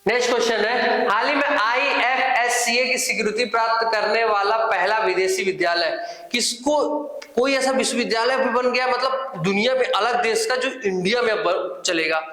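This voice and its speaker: A man's voice: very high-pitched, normal speed, pushed and bright, very echoey, rough recording. A man teaching a current affairs quiz lesson, repeating each answer and adding informal asides.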